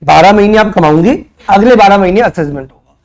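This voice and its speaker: A man's voice: high voice, lively intonation, brisk. A young man from India giving a classroom lecture, chatty, throwing questions at his students and mixing in English terms. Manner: conversational, quizzes students with rhetorical questions; mixes Hindi with English terms. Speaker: tutor.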